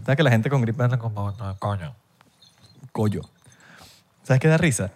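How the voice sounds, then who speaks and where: A man's voice: medium pitch, quick pace, a little mellow. A man co-hosting a podcast, joking and bantering in casual, slang-heavy chat. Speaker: podcast co-host.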